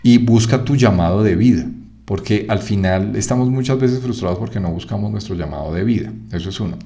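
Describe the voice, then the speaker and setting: A man with a Colombian Spanish accent giving an online lecture on acupuncture, teaching in a lively way and checking in often with "¿sí?". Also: lowish voice, a little fast, vocal fry. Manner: lively teaching, frequent "¿sí?" checks, acts out students' objections. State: one ear feels blocked.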